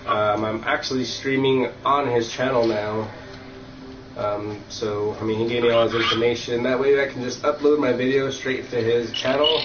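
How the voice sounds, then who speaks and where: Sniffly from a cold, a young man plays a game on stream from his room at home, chatting in an easygoing, rambling way packed with fillers. His medium-pitched voice barely moves in pitch and runs at a normal speed, with background noise present. A distant, roomy, dull lo-fi mic captures him.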